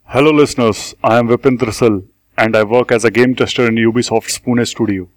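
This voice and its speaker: A man's voice: mid-range voice, fairly even intonation, a little fast, no room sound. A man from India with an Indian accent, a game tester guest reading prepared interview answers formally. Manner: formal, read-aloud.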